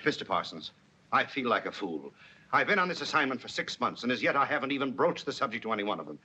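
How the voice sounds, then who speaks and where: An actor playing an anxious, flustered young law clerk in a 1930s film, on a dull old soundtrack with hiss. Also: male voice, mid-range voice, sing-song, fast, bright, forceful tone, slightly rough, exaggerated voice. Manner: flustered, talks himself into a state.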